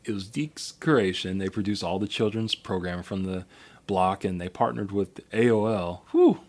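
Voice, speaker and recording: A man's voice: low voice, moderate pace, a little mellow. A man co-hosting a podcast in casual chat, rambling through a history with many fillers and restarts. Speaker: podcast co-host.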